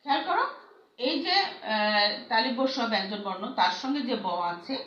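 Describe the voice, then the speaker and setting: A woman teacher giving a pronunciation lesson, patiently repeating each word slowly for her students, with a Bangladeshi Bengali accent. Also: a little high, very animated, a bit bright. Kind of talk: recorded classroom lesson on pronunciation. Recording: echoey, dull lo-fi room recording.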